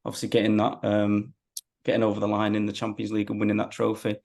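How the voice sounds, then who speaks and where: A man's voice: lowish voice, completely flat delivery, quick pace, creaky, darkish tone. A man, chatting casually as a football fan being interviewed.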